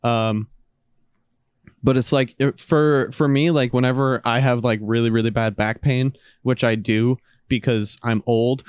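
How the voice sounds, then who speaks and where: A man's voice: medium pitch, fairly even intonation, measured pace, smooth, no room sound. A young man co-hosting a podcast, talking in a laid-back, rambling way with lots of fillers. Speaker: podcast co-host. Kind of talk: casual chat.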